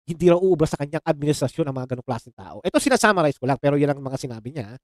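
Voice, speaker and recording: A man's voice: on the high side, lively intonation, very fast, dry recording. A Filipino man ranting in casual political commentary to his viewers. He sounds heated and sarcastic, and he keeps mixing English exclamations into his speech. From Philippines. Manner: calls viewers "mga chong". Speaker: political reaction vlogger.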